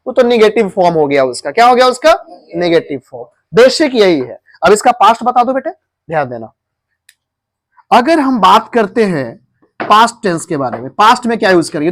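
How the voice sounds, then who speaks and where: High-voiced man teaching a class. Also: very animated, moderate pace, a bit bright. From India. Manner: drills students with repeated questions. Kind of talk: classroom grammar lesson. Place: classroom with students.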